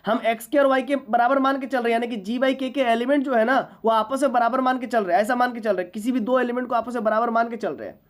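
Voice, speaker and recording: A woman's voice: fairly high pitch, fairly even intonation, quick pace, hardly any pauses. A woman teaching a university maths class, lecturing patiently and often asking whether students follow. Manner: patient, checks understanding often.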